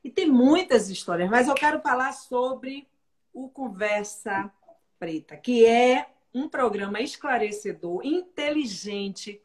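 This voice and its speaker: A woman's voice: fairly high pitch, lively intonation, takes it slowly. Enthusiastic woman host. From Salvador, Bahia, Brazil. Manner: warmly enthusiastic, emphatic. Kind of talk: casual interview chat.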